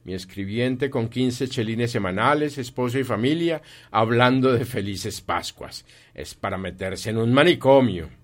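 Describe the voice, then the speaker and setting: Scrooge: a man doing a loud, gruff old miser. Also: medium pitch, expressive, a little slow, hardly any pauses, natural voice. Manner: gruff, curt and scornful. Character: grumpy miserly old male moneylender. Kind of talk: audiobook reading.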